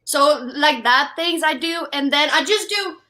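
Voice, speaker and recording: A young woman with a Swedish accent speaks in a bright, somewhat high voice. She is a drummer in a casual live-stream interview, and her talk halts often on fillers and restarts. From Sweden. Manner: halting, many fillers and restarts. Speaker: guest drummer. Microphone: wireless headphones.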